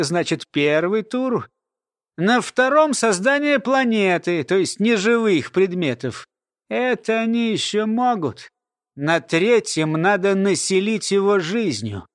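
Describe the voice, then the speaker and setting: A man's voice: high voice, clear, resonant tone, dry recording, studio quality, voice pushed up. A man reading as a sardonic old woman. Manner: lecturing, sardonic. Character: sly, grumpy old woman, a lore-keeper. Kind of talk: audiobook character voice.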